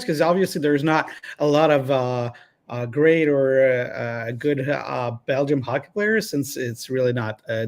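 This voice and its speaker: A man hosting a live online interview, halting with many fillers and restarts. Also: medium pitch. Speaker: interviewer host.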